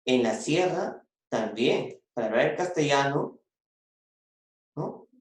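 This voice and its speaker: A man's voice: medium pitch, lively intonation, slow pace. A man from Peru with a coastal Peruvian Spanish accent, teaching a secondary school language lesson. He explains step by step, repeats key phrases and tags on little checks like "¿no?" and "¿ya?". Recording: echoey room recording.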